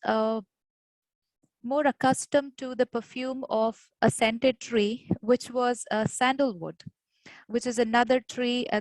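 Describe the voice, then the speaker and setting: A woman's voice: on the high side, no room sound, low-quality recording. A woman from India giving an academic webinar lecture over a video call, explaining patiently with frequent "uh" fillers. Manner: hesitant, many "uh" fillers, explanatory.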